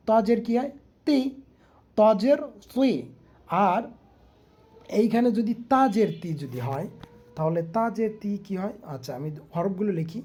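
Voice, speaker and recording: A woman leads an online Quran recitation lesson in a warm, mellow voice. She repeats each letter sound patiently and asks the viewer to answer. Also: medium pitch, husky. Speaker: Quran teacher.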